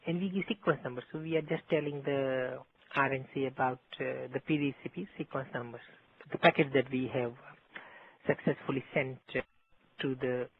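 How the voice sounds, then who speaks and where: A man of middling pitch teaches a technical class, walking through each step in a methodical way. His voice comes through a landline phone, tinny and narrow. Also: steady tone, moderate pace, slightly rough. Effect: heard over a landline phone. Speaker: instructor. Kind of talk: technical training lecture.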